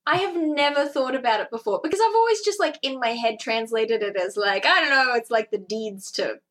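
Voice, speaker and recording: A woman's voice: fairly high pitch, expressive, fairly bright tone. A woman with an Australian accent, co-hosting a casual film-discussion podcast with chatty, laughing asides. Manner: chatty, quick to laugh, lots of "like". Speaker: podcast co-host.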